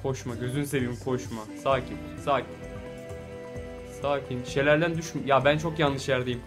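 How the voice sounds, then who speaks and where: A man giving casual let's play commentary, chatty, talking to the game and breaking into excited exclamations. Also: medium pitch, normal speed. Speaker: gaming YouTuber. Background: soft game music.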